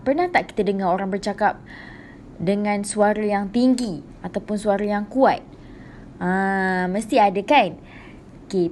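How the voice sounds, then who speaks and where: A woman teacher with a Malaysian Malay accent, explaining a lesson to primary pupils slowly and clearly, with many "okey" and "ha". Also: medium pitch, darkish tone, a little hiss or hum.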